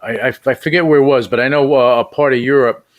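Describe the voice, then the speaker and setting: A man's voice: medium pitch, steady tone, fast talker, highs cut off. A man hosting a radio talk show, interviewing a guest in a casual, rambling way with many repeated words.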